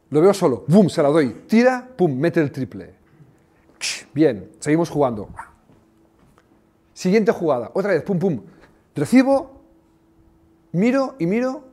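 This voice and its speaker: High-voiced Spanish man telling stories. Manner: animated storytelling with sound effects. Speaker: motivational speaker and former coach. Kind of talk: motivational talk to an audience.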